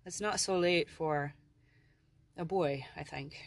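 An audiobook narrator voicing an elderly Irish manservant with a gravelly voice and polite, old-fashioned speech. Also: medium pitch, slow pace. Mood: courteous. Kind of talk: audiobook character voice.

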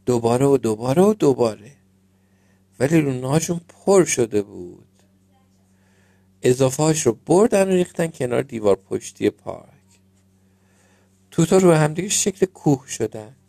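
Mellow man reading a children's story. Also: medium pitch, animated, gravelly, pauses often, no echo.

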